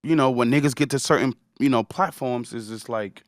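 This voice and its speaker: A man's voice: medium pitch, fairly quick, dry recording, clean studio sound. A man co-hosting a podcast, chatting casually and often chiming in to agree. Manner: keeps agreeing, saying "facts". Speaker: podcast co-host. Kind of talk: casual chat.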